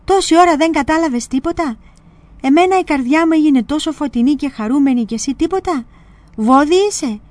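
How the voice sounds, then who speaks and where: A woman reading aloud the lines of a stern, blunt, very old male monk who scolds in sharp bursts. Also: fairly high pitch, big pitch swings, few pauses, dry recording. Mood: scolding.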